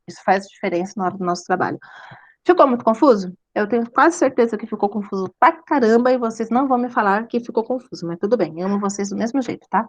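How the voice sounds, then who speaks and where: A woman's voice: medium pitch, fast talker. A woman teaching a live online drawing class, chatty and playful, laughing at her own slips. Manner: chatty, laughing, self-deprecating asides.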